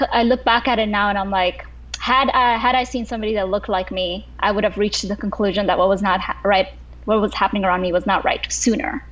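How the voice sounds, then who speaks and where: A woman from Kuwait, a filmmaker on a panel, answering reflectively with frequent restarts. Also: mid-range voice. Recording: slightly dull lo-fi audio.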